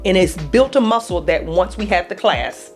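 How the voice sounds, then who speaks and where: A woman's voice: lowish voice, lively intonation, normal speed, darkish tone, soft background music. A woman coach hosting a casual talk, urging listeners on in an upbeat, exhorting way. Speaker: coach and podcast host. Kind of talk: casual encouraging chat.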